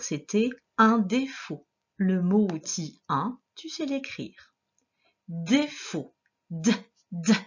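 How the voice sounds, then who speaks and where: A woman teacher giving a dictation lesson to young children, sounding out each syllable slowly and clearly. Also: mid-range voice, lo-fi sound. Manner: slow, clearly articulated syllables with gestures.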